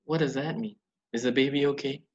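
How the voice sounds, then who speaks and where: A man as a worried new mother, fast-talking. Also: medium pitch, fairly even intonation, close to an everyday voice. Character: worried new mother questioning her baby's doctor. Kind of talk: rehearsed medical counselling role-play. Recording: dull, muffled lo-fi microphone.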